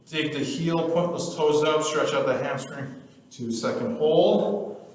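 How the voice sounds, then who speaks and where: A man leading a guided movement workout, calmly counting reps and cueing stretches with the odd joking aside. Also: a little high, slow pace. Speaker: fitness instructor. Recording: echoey room from far off with faint ambience.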